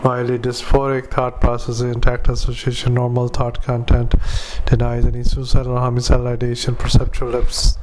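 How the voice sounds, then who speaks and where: Dictating clinical notes in short fragments, this man voices punctuation and formatting instructions in an unvaried monotone. His pitch is medium and his pace moderate with hardly any pauses, and the low-quality recording carries slight background noise.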